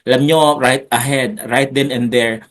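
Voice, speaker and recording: A man pastor teaching a Bible lesson in an unhurried, chatty preaching style, with jokes and asides to his listeners. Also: mid-range voice, fairly even intonation, fairly bright tone.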